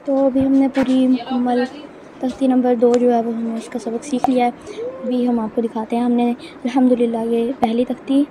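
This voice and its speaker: A woman teaching Quran reading in a home video lesson, explaining step by step and drawing words out slowly. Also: fairly high pitch, noisy background.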